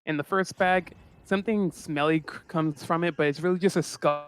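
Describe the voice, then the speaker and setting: A man running a tabletop game as game master, narrating in a relaxed way with many fillers. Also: a little high, normal speed, smooth.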